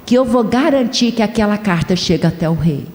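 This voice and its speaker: A woman voicing a calm male army doctor who speaks in a matter-of-fact way, in a sermon story. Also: mid-range voice, a little fast, reverberant, long reverb tail, close to an everyday voice.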